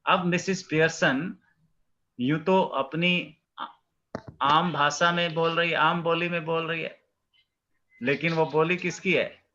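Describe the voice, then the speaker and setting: A male teacher slowly explaining a play to his class, questioning students and acting out the lines. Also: on the high side, fairly even intonation, sharp tone, highs cut off.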